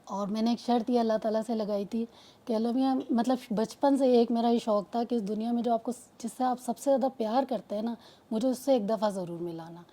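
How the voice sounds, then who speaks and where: A middle-aged woman earnestly telling a long personal story, rambling and often dropping to soft murmurs. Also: fairly high pitch. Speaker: guest sharing a spiritual testimony.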